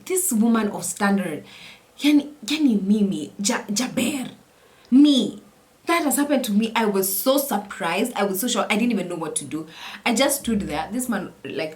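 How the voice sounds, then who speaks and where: A young woman telling a story in a casual chat while doing her makeup, animated and repetitive, slipping in Swahili words. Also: mid-range voice. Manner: animated, repeats phrases, mixes in Swahili words. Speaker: vlogger.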